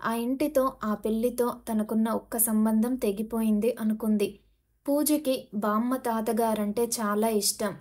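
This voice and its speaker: A woman narrating a family novel in a steady storytelling read. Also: on the high side, a little slow. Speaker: audiobook narrator.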